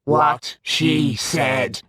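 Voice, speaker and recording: A woman voicing a hulking, fierce female beast that growls out slow, halting words. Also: low-pitched, a bit bright, breathy edge, no echo, studio quality, voice pushed down, full character voice. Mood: growling.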